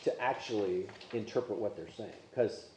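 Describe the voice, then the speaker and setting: With a fairly low, slightly mellow voice and a moderate pace, a Polish-native man conducts a Sunday school Bible class conversationally, asking questions of the class. The church classroom sounds echoey, and there's a little hiss or hum.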